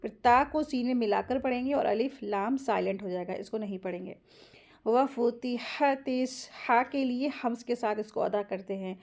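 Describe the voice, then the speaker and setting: Patient woman teaching slow recitation. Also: fairly high pitch, a little mellow. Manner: patient, step by step, drawing out recited words slowly; often checks in with short asides. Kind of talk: tajweed lesson, explaining pronunciation rules.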